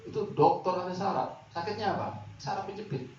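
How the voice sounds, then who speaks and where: A man gives a training lecture on back massage, lively and rhetorical, often quizzing his audience. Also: high-pitched, brisk. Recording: echoey hall, distant mic, dull, faint noise.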